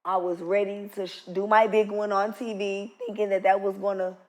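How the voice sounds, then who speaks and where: A woman's voice: mid-range voice, little pitch movement, normal speed. A woman in her mid thirties talks frankly in a casual podcast conversation. Her delivery is candid and blunt, but turns reflective as she talks about herself. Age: 30s. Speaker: podcast guest. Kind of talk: casual chat.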